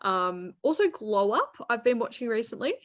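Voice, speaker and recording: A young woman, co-hosting a casual chat about relaxing media, bubbly and quick to laugh. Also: on the high side, sing-song. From Australia. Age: young adult. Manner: bubbly, laughs often, says "like" a lot. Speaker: co-host.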